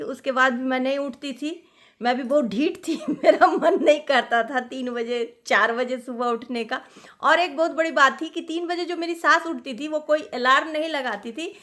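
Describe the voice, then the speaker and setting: Brief: middle-aged woman from Delhi, high bright voice, animated chatty vlog storyteller. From Delhi, India. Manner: animated, chatty, laughing at herself. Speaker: vlogger. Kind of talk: casual storytelling.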